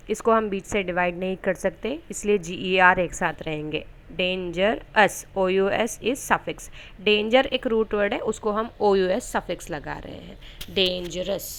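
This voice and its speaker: Indian woman teacher, unhurried spelling lesson, smooth clear voice. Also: mid-range voice, a bit bright. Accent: Indian English. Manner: explains step by step, slow and deliberate on each spelled word. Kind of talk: spelling lesson, mixing Hindi and English.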